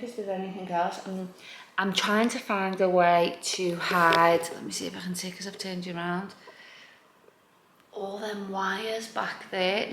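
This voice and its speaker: A woman's voice: medium pitch, a bit bright. A woman chatting casually as a home vlogger, thinking aloud in an informal, self-deprecating way. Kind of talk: casual chatty room-tour vlog. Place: indoors in a living room. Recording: echoey room, background noise.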